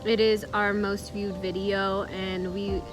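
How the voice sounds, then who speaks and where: A woman chats casually as a vlog co-host, with clear background music behind her. Her voice sits at an ordinary pitch, and her phrasing is informal and conversational. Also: flat delivery, slow pace. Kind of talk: casual couple vlog chat.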